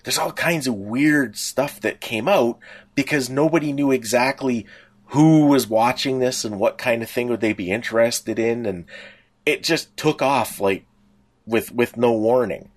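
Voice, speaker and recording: A middle-aged man co-hosts a podcast, speaking at an unhurried pace in a medium-pitched voice. He chats casually and nostalgically as a fan, rambling and restarting often.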